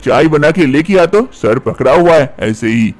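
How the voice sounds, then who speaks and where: A man's voice: a little high, lively intonation, measured pace, a little mellow. A man voicing a bossy older mother-in-law in a cartoon story, nagging and scolding.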